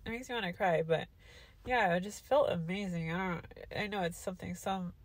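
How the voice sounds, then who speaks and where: This young woman vlogs into a phone held at arm's length from a parked car, chatting casually about her recovery. She's congested and nasal following sinus surgery and loopy, sleepy from medication; her lowish voice moves fairly quickly with a breathy edge.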